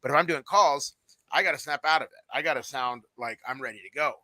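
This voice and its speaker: A man teaching telemarketing in a loose, conversational way, with many fillers, calling his listeners guys. He says he has a mild headache and sounds a little low on energy. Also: fast talker, pushed and bright, no room sound, poor audio. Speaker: telemarketing coach. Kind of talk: casual spoken tutorial.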